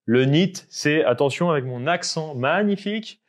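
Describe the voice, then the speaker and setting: A young man fitness coach explaining tips to the viewer in a casual way, often checking in with a quick "ok?". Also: medium pitch.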